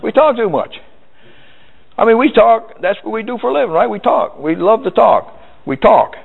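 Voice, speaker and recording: A man with a fairly high voice gives a folksy sales talk, acting out customers' replies as he goes. He sounds tinny and lo-fi, as if heard over a phone line. Long reverb trails his words through a big hall. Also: moderate pace, gravelly, slightly rough. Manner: folksy, animated storytelling with acted quotes. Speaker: sales trainer. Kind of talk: live sales seminar talk.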